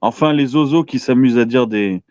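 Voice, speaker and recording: A man's voice: medium pitch, brisk, a little mellow, no echo. A man in his thirties chatting casually as a radio show caller, often searching for his words. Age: 30s. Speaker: caller on an open-line internet radio show. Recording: dull lo-fi call audio.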